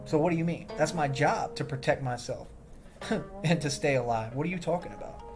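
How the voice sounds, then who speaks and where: Boastful man rambling over loud music. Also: a little high, fairly quick. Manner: boastful and defensive, repeats himself. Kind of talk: rambling livestream monologue.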